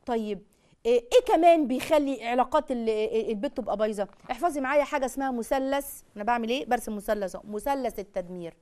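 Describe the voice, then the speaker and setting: A fast-talking Egyptian woman teaching a religious lesson with a high-pitched voice. She keeps things lively, throwing rhetorical questions at her listeners and acting out short exchanges as she goes. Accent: Egyptian Arabic. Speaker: lecturer on marriage and family.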